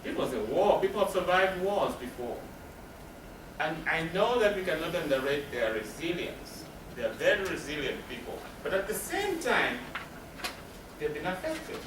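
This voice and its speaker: A male counselor with a slightly high voice gives an explanatory, emphatic presentation to a live audience, posing questions and answering them himself. His delivery is sing-song at a normal speed. The distant mic catches a reverberant, roomy space with noticeable background noise.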